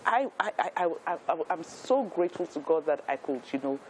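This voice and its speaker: A woman's voice: low voice, expressive, brisk, a little mellow, poor audio. Nigerian lady in her 50s on a talk show, earnest and emphatic, voice moves up and down a lot, faint hiss behind. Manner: earnest, emphatic, with repeated restarts. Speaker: guest.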